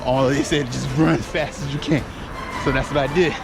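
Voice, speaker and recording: A man's voice: mid-range voice, fairly even intonation, a little fast, creaky. An American man in his forties chatting casually and a bit ramblingly while jogging outdoors. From United States. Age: 40s. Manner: laid-back, rambling, talking while jogging. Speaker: running vlogger. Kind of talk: casual vlog chat while running. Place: outdoors, on a run. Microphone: handheld action camera. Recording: action camera outdoors with music behind.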